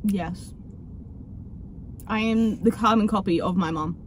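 A woman's voice: medium pitch, slow, a little hiss or hum. Chatty young Australian woman swearing casually. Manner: chatty, swears freely, rambles with restarts. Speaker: YouTuber host. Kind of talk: casual chat. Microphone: headset.

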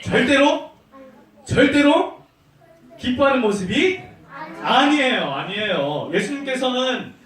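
A man teaching a Sunday school lesson to small children, animated and asking them questions playfully. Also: very high-pitched, slow, long pauses. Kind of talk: children's sermon. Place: church children's room. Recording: echoey room from far off.

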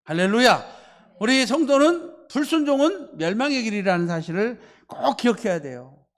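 A man preaches in a church, and his voice runs high as he tells the story with lively acting. He stops to lead the congregation in repeating phrases after him. A long reverb hangs on every word from the sanctuary. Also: normal speed. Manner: animated storytelling, acting out the figures' lines. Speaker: pastor. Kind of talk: sermon.

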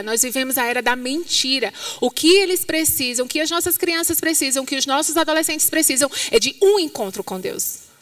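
Brazilian woman giving a sermon, high voice, kinda distant from the mic but dry, acts out the story voices. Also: fairly bright tone, no echo. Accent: Brazilian Portuguese. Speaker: conference speaker at a church. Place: church hall. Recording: dry sound, from somewhat far from the mic.

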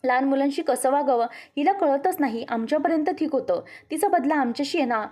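Woman narrator voicing indignant protective mother, inner monologue, warm mellow tone. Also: high-pitched, fairly quick, close to an everyday voice. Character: protective mother, upset for her little daughter.

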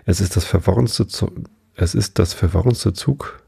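A man voicing a melancholy male mock turtle who sings a slow, mournful song about soup. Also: deep voice, vocal fry, mellow, breathy edge, no room sound, studio quality, exaggerated voice. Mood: grumbling.

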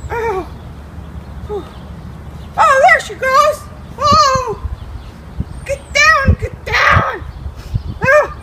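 A woman's voice: extremely high pitch, very slow, pauses often, noisy background, heavily acted. A woman voicing a cranky old woman chasing a recipe thief, out of breath and exclaiming theatrically outdoors. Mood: huffing.

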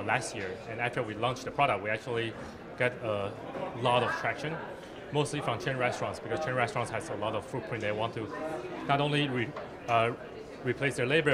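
A man in his thirties, a startup founder, explaining his product with a handheld mic in a busy conference hall. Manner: explanatory pitch, non-native grammar. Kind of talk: product demo interview. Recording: loud crowd chatter behind.

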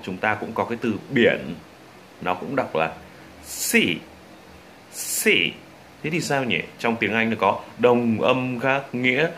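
Deep-voiced Vietnamese male English teacher. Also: a bit bright, a little hiss or hum. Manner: demonstrates sounds slowly and repeats drill words. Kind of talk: teaching a pronunciation lesson.

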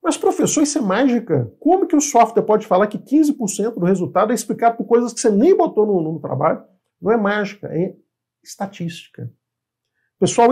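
A man's voice: sits high, dark tone, slightly rough. A man in his fifties from Brazil, an appraisal instructor giving an informal online lesson, asking and answering his own questions. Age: 50s. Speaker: real estate appraisal instructor.

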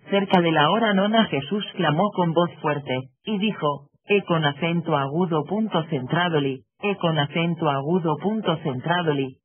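A computer-made male voice reads scripture verses one after another, saying question marks and other symbols aloud as plain words. The tone sits somewhat high and a little husky. It comes through a narrow, phone-like band. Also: no room sound. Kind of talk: synthetic reading of Bible quotations.

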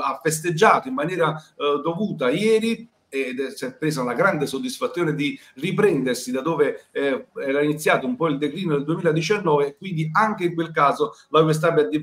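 A man's voice: fairly high pitch, fairly bright tone. Man, over a video call, sports journalist, emphatic, echoey room sound. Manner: emphatic, repeats words. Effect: over a remote video call. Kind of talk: remote call-in commentary. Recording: echoey remote call line.

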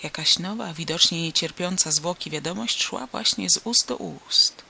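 A woman reads a classic adventure story aloud for an audiobook. Her delivery is theatrical and ornate, her tone bright, and a gravelly rasp runs through her voice. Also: on the low side, moderate pace, slight background noise. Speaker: audiobook reader. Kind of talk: scripted storybook narration.

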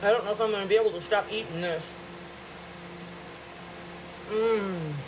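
A woman's voice: mid-range voice, moderate pace, noisy background. A woman vlogger talking while chewing, gushing with enthusiasm in a casual taste-test at home. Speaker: food vlogger.

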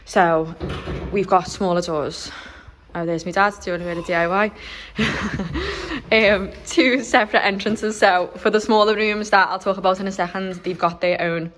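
A young woman from Liverpool, a nail salon owner, chatting excitedly with lots of fillers as she films a walkthrough of her salon under renovation on her phone. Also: mid-range voice, a little slow. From Liverpool, England. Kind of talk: walkthrough vlog.

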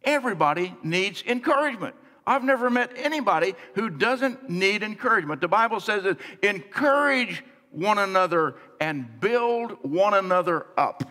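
A middle-aged man preaching a sermon as pastor, earnest, swinging between soft and emphatic delivery. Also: high-pitched, animated, moderate pace, hardly any pauses. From United States. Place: large church sanctuary, on stage. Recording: long church hall reverb.

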